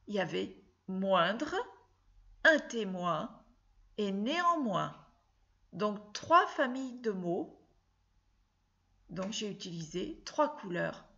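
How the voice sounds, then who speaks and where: A woman teaching a child to read, speaking slowly and carefully and spelling out sounds and syllables. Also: on the high side, vocal fry, fairly bright tone, highs cut off. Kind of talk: phonics lesson for a child.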